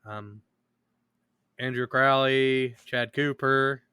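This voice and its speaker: Man, podcast co-host, bright tone, crude jokes, rambling, dry sound. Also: mid-range voice, fairly even intonation, extremely slow, clear, resonant tone, no room sound. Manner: crude, joking, rambling with fillers. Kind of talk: casual chat.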